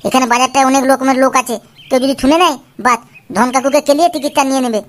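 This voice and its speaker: A woman's voice: high voice, steady tone, natural voice. A woman voicing Futu, a mischievous, boastful boy in a cartoon, who talks in a cocky, scheming way. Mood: hushed. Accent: Bengali. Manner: cocky, scheming, quick-talking. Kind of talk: cartoon voice acting.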